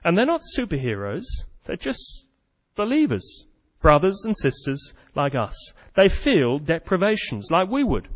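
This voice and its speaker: A man's voice: on the high side, huge pitch swings, a little slow, hardly any pauses. A man preaching a sermon with earnest, dramatic storytelling. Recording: muffled sound with long hall reverb.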